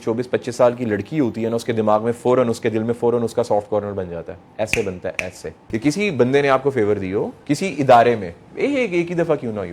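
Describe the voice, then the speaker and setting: Addressing an audience of young people, a middle-aged motivational speaker with a Pakistani accent presses his points emphatically through repetition and rhetorical questions, slipping English phrases in. His voice is medium-pitched with a darkish tone.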